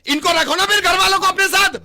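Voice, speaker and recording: Radio host putting on an aggrieved husband caller. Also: male voice, on the high side, very animated, moderate pace, a crowd in the background. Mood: shouting. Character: aggrieved husband caller, touchy, quick to take offence. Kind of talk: radio prank call.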